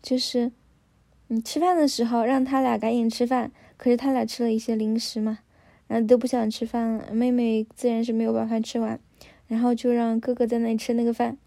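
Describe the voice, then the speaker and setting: A woman's voice: on the high side, little pitch movement, a little fast, vocal fry, dark tone. A woman, telling family stories in a casual chat and often asking the listener if they follow. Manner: chatty, often asks the listener "you know?".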